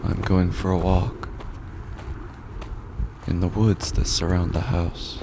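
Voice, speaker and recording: An actor voices a grieving, isolated, unhinged man in a first-person horror audio drama, sounding breathy and gravelly and often whispering. His low-pitched, exaggerated delivery is halting and repetitive, the mood eerie and brooding, and the recording very noisy.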